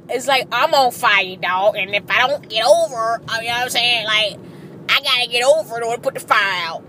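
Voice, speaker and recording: A woman chatting casually and animatedly while driving in traffic, swearing freely, recorded in her car. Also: on the high side. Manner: chatty, profane, animated storytelling. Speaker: vlogger. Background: faint car and road noise.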